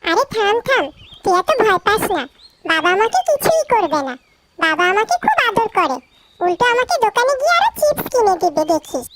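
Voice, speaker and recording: A woman's voice: extremely high pitch, big pitch swings, brisk, background noise. A cheeky cartoon boy. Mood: boastful. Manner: pleading and whiny. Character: naughty young boy, cheeky and fond of chips. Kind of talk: cartoon voice acting.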